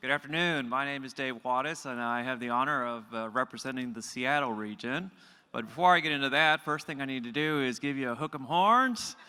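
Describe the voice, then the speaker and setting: A man's voice: medium pitch, a little fast, bright, forceful tone, clear, resonant tone. A man giving a friendly, upbeat conference speech as a regional delegate. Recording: reverberant hall from a distance.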